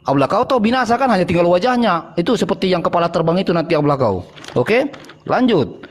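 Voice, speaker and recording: A man's voice: high-pitched, big pitch swings, fast. A man in a heated online debate who argues in a mocking, provocative and scornful way.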